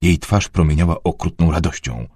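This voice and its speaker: A man narrating an adventure novel in a dramatic, expressive storytelling manner. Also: rumbling low, moderate pace, slightly rough, no echo, clean studio sound. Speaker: audiobook narrator.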